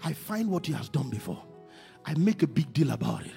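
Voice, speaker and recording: A man preaching a sermon, moving from quiet talk to shouted, sing-song emphasis. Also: fairly high pitch, big pitch swings, a little fast, gravelly, soft background music. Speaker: pastor.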